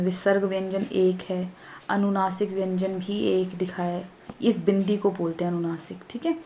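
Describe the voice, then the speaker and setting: A woman teacher walks young pupils through a grammar lesson at an unhurried pace. She repeats key points and keeps checking that they follow. A faint hiss of noise sits under her voice. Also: medium pitch, darkish tone. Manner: explains slowly, repeats points, checks with "ठीक है?". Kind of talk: Hindi grammar lesson for children.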